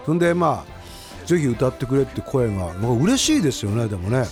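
Lively-voiced man in his fifties hosting radio. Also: medium pitch, quick pace, soft background music. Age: 50s. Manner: rambling, chatty storytelling. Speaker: radio host. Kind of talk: casual late-night radio talk.

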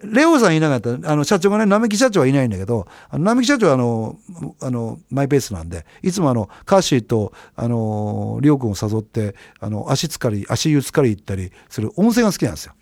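A man's voice: mid-range voice, fast, hardly any pauses, no room sound. A middle-aged man, hosting a radio show and telling a story in a casual monologue, acting out the people he quotes. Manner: animated, quotes people with voice changes. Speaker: radio host.

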